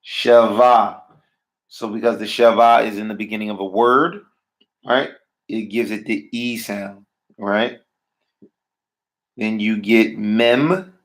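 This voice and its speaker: A man teaching a language class in a slow, unhurried way. His voice is gravelly with a touch of fry. He keeps checking in with "right?" and asks his students questions. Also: on the low side, steady tone. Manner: checks in often with "right?" and "all right?". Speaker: Hebrew teacher. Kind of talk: classroom lesson.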